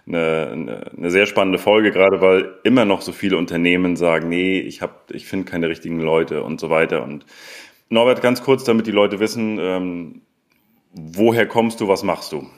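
A man's voice: deep voice, moderate pace. A man hosting an interview podcast, enthusiastic, often restarting his words. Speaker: podcast host.

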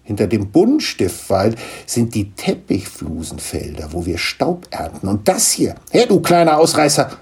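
A little bearded dust gnome, as a storyteller puts him on, raised high above a man's normal range and full of gravel and rasp. He talks in a fussy, lively singsong that swoops up and down. Storybook reading with a warm, husky tone. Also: unhurried, hardly any pauses, exaggerated voice. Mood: eager chatty. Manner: fussy, excitable, tearful complaining. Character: small bearded male dust gnome, grumpy yet kind.

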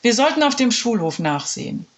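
A woman voicing a calm, thoughtful mother. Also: on the high side, a little fast, pitched above the performer's own voice. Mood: concerned.

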